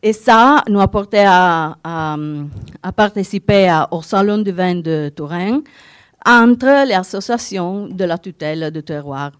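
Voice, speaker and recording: A woman's voice: medium pitch, expressive, unhurried, clear, resonant tone, dry recording, clean studio sound. A woman with an Italian accent giving a conference presentation, searching for words in French that is not her native language. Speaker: winegrowers' association representative giving a talk.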